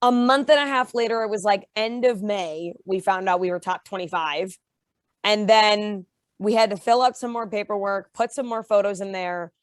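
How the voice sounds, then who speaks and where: A young woman guest in a casual interview, telling her story with lively pitch jumps when she acts out quotes. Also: normal speed, no room sound. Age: young adult. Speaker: interview guest, reality show contestant.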